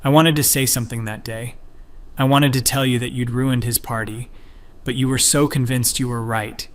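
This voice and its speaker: A man's voice: medium pitch, fairly even intonation, normal speed, natural voice. A man narrating a hurt, angry husband. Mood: reproachful. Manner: raised, reproachful voice.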